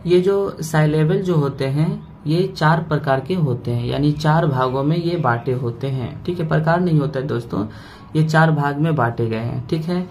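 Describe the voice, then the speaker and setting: A man teaching a grammar lesson. He breaks words into parts slowly and keeps checking in with "okay" after each point. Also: fairly high pitch, darkish tone, slight background noise.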